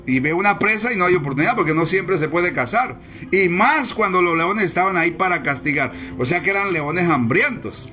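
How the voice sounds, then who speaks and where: A man's voice: sits high, animated, brisk, bright, forceful tone. A man preaching a sermon as pastor, emphatic and repetitive as he drives his points home. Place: church service, streamed live.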